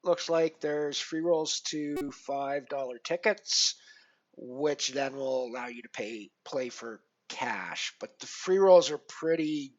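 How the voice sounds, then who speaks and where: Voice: medium pitch, takes it slowly, lo-fi sound. A poker streamer chatting casually with live viewers, rambling along with plenty of fillers and restarts.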